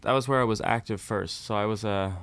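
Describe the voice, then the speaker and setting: A man's voice: on the low side, brisk, fairly bright tone, clean tone, no echo. A young man from Norway, a folk musician, chatting casually as an interview guest and laughing easily.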